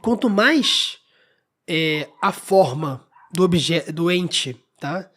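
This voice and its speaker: A man's voice: fairly high pitch, lively intonation, extremely slow, fairly bright tone. A man hosting a solo podcast, explaining ideas step by step and often checking that the listener is following. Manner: explains patiently with frequent checks like "né?" and "tá?". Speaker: podcast host. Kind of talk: solo lecture-style podcast talk.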